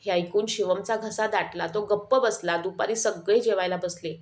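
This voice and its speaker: A woman narrating a scripted sad story in a slow, hushed, sorrowful way. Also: mid-range voice, steady tone.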